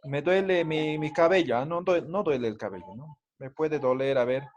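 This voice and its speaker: A man's voice: on the high side, moderate pace, a little mellow, dull audio, slight background noise. A man teaching an online language class, explaining patiently and checking in with tag questions.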